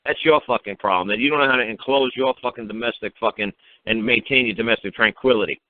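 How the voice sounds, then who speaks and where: On a phone-in talk show, a man rants informal advice at a caller, blunt and emphatic, swearing freely and firing mocking rhetorical questions. His mid-range voice comes fast, with no echo, over a narrow-band internet radio call.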